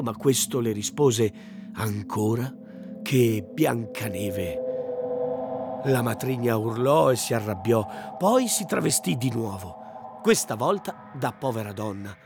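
A man reading a fairy tale aloud in an expressive, animated way. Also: mid-range voice, slightly rough, dry recording, studio quality. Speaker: storyteller. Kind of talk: storybook reading.

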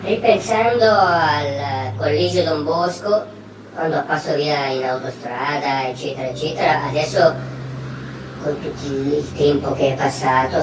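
An older man giving recorded testimony with his voice disguised and pitched very deep, speaking haltingly and repeating words. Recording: echoey distant audio with music. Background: music.

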